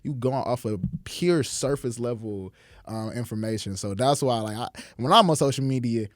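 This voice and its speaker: A man's voice: medium pitch, moderate pace, no echo, studio quality. A man hosting a casual interview podcast who talks emphatically and keeps calling his guest "bro". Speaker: podcast host.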